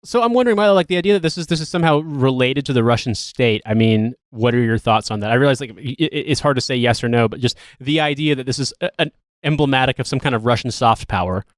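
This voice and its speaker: Speaking fast in a mid-range voice, a man hosts a podcast with a loose, joking discussion of politics, full of wry rambling and swearing. The recording is dry with clean studio sound.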